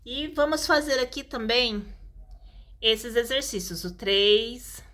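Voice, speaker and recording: Woman teaching, slow example words. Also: fairly high pitch, bright, forceful tone. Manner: stretches out example words slowly, tag questions. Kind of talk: casual explanatory lesson.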